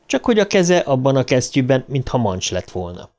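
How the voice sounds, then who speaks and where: A male audiobook narrator reading horror fiction at a measured, dramatic pace. His voice sits in an ordinary middle register and he leans into tense moments. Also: medium pitch, sing-song, a little mellow.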